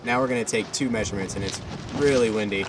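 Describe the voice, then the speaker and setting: In a boatyard, a young man who co-hosts a sailing vlog talks close into a handheld camera, casually walking through the sail measurements on his boat step by step in an easygoing how-to style. His voice is fairly low and quick, with faint outdoor wind noise behind him.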